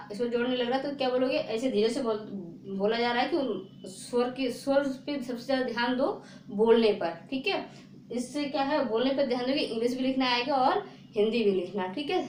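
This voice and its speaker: A woman teaching a spelling lesson, repeating words slowly and asking her viewers rhetorical questions. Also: on the high side. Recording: echoey room with faint noise.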